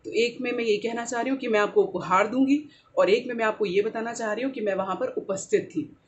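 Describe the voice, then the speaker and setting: A woman's voice: a little high, highs cut off, slight background noise. Indian woman teacher, code-switching. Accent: Indian English. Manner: slow, drawn-out modelling of example words. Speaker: English teacher. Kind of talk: explaining to camera.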